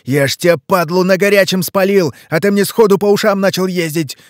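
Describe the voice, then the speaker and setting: Guy doing a cursing monster from a horror story, loud and higher than his own voice, snarling, drawn out. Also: lively intonation, measured pace, no room sound, clean studio sound. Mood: furious. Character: foul-mouthed male forest monster, furious, menacing.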